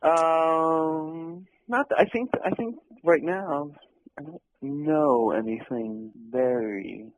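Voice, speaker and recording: A man's voice: on the high side, takes it slowly, poor audio. A young adult man, an actor being interviewed, chatting casually with many ums and restarts and laughing easily.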